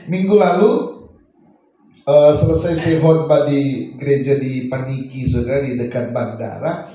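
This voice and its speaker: A male pastor, preaching a sermon in a church, his phrases swinging up into sung, shouted lines. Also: mid-range voice, fairly even intonation, measured pace. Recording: echoey church hall, from far off, faint music.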